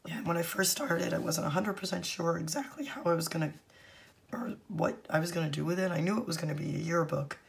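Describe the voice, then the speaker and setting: Female craft vlogger, hoarse lost voice, low and crackly, slipping into whispers, casual walkthrough delivery. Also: brisk. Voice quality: husky, croaky, often breaking into a whisper. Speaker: craft channel host.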